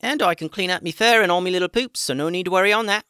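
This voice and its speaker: A man voicing a cheeky little male talking guinea pig in a storybook, with slangy, quick chatter. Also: sits high, bright, forceful tone, smooth, dry recording, studio quality, voice pushed up.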